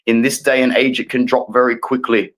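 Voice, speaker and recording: Man, guest fan, calm emphatic rant, lecturing tone. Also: mid-range voice, brisk, poor audio.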